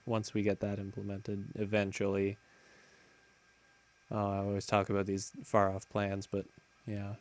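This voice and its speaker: A man hosting a casual game commentary, chatting in a rambling way and often correcting himself mid-sentence. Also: on the low side. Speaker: let's play host.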